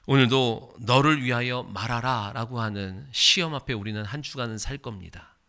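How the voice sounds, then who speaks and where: A male pastor preaching a sermon and leading a closing prayer, emphatic, swelling louder in prayer. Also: medium pitch, normal speed, gravelly.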